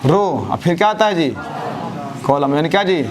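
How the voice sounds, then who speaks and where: A man teaching a math class, who keeps asking questions and answering them himself, his answers dropping low and soft. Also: animated, moderate pace, crowd noise. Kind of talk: classroom lecture with call-and-response questions.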